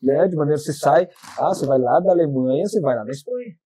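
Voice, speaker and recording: A man with a southern Brazilian accent, a podcast guest telling stories in a talkative, animated way. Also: fairly high pitch, quick pace, breathy edge, dry recording. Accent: southern Brazilian Portuguese. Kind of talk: casual interview chat.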